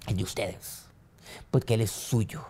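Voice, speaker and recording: Man, pastor, sermon then prayer, warm dark tone, swings between loud and hushed lines. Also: fairly low pitch, steady tone, measured pace, husky. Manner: preaching with sudden rises and soft drops.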